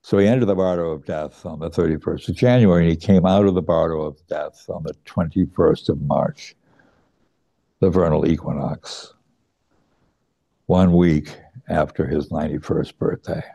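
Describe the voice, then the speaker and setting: Deep, gravelly man telling a personal story. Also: dark tone, dull audio. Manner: slow, reflective, with hesitant pauses and restarts. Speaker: student recounting his teacher's death.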